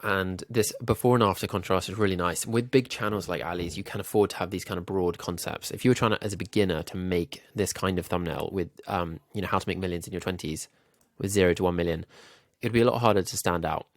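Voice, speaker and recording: Deep, gravelly, nasal man. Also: fast talker, few pauses, dry recording, studio quality. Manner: relaxed, thinking aloud with frequent ums. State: slightly ill. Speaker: YouTube growth coach. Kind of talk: screen-recorded design tutorial.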